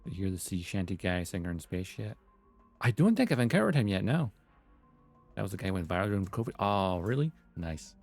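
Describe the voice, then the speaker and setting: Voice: sits low, sing-song, fairly quick, darkish tone, faint music behind. A game streamer giving playful, joking commentary and reading dialogue choices aloud. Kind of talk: casual live-stream commentary.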